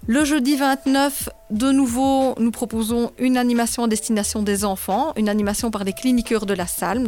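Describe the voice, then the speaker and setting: A woman, a guest in a radio interview, methodically walking through an event schedule. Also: fairly high pitch. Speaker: guest, local events organizer.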